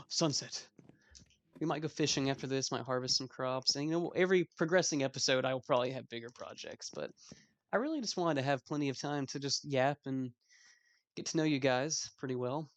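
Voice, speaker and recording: A man's voice: mid-range voice, brisk, dry recording. A 21-year-old man giving casual gameplay commentary as a let's play host, rambling with self-mocking asides.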